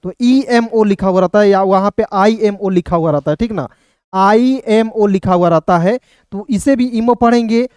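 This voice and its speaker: A male online language teacher with a smooth, resonant voice, recorded close and dry. He spells words out letter by letter, keeps addressing his viewers as friends, and asks questions that he then answers himself. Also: high voice, moderate pace, a little mellow, no room sound. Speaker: English teacher.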